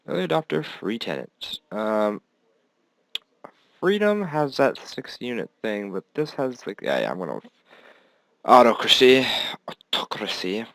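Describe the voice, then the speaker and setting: A man's voice: medium pitch, huge pitch swings, unhurried, vocal fry, no echo. A man giving rambling, casual commentary on his own strategy game, swearing often and laughing at himself.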